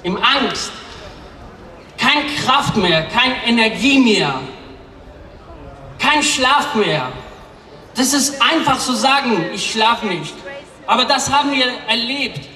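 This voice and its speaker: Slow Afghan-accented man at a rally. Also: extremely high pitch, animated, bright, forceful tone. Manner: earnest, halting with fillers and slips. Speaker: refugee rights speaker. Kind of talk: rally speech. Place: outdoor stage at a large rally. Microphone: lectern mic on a stand. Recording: distant PA sound echoing outdoors.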